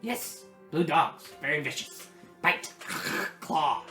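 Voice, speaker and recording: A man's voice: on the high side, lively intonation, slow, bright, forceful tone, reverberant, faint music behind, heavily acted. A man voicing a small, groveling male space goblin who talks in broken grammar. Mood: plaintive. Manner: broken grammar, eager and pleading.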